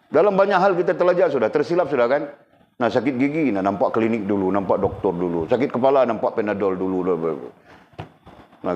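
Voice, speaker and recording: Middle-aged guy preaching, lively, keeps asking the crowd stuff, dull lo-fi recording w faint hiss. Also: mid-range voice. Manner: lively, asks the audience questions. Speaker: religious teacher. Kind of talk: sermon.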